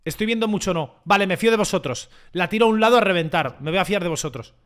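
A young man with a Spain Spanish accent commentating his own gameplay live to chat, excitable and crude, often shouting at the game. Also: sits high, fast, clean tone. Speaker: gaming streamer.

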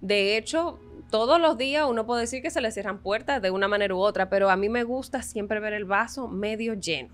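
A young woman with a Dominican accent, a guest violinist telling her story in a relaxed interview, animated and earnest, often laughing. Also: mid-range voice, a little fast. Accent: Dominican Spanish. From Dominican Republic.

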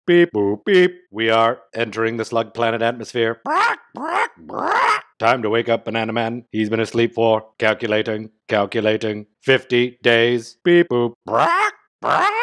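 A man voicing a robot chicken science officer who beeps, clucks and makes flat announcements in a cartoon read-aloud. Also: medium pitch, measured pace, full character voice. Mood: matter-of-fact. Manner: clucks, bark and beep sounds between flat announcements.

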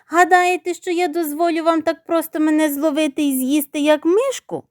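A woman voicing a cheeky young boy chick in a storybook, talking in a high, eager way. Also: fairly even intonation, moderate pace, no room sound, studio quality, lightly acted.

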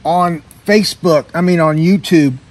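A middle-aged man with a slightly high, husky voice walks through a repair job in a plain, hands-on way. He is outdoors under a boat, and his voice drifts nearer and farther from the camera mic as he works. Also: measured pace, a little mellow. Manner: plainspoken, hands-on explaining while working. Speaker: boat owner showing repair work. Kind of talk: casual how-to narration. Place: outdoor boatyard, under a hull.

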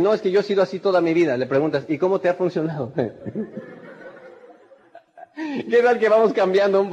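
A man from Mexico giving an animated network marketing seminar, acting out little scenes and often checking in with "¿verdad?". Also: high-pitched. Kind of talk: motivational seminar talk. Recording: muffled, husky sound with long hall reverb.

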